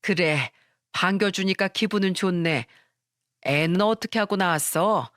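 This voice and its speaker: A woman voicing an older mother-in-law with an unhurried, homely way of talking in a radio story. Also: on the low side, a bit bright, no echo, clean studio sound. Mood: easygoing. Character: older mother-in-law, easygoing then firm.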